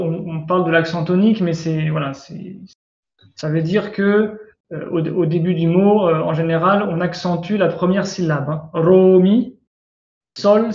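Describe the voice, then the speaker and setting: A man's voice: sits high, a little mellow. A man teaching a grammar lesson in a patient, hesitant way, restarting his sentences often. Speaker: Coptic language teacher. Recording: roomy, dull lo-fi sound.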